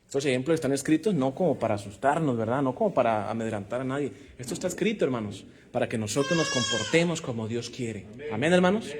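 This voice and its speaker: A man's voice: mid-range voice, expressive, fast, hardly any pauses. A man preaching a Bible lesson to a congregation, emphatic and calling out rhetorical questions and amens. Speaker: preacher teaching a Bible class. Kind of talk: sermon-style Bible lesson.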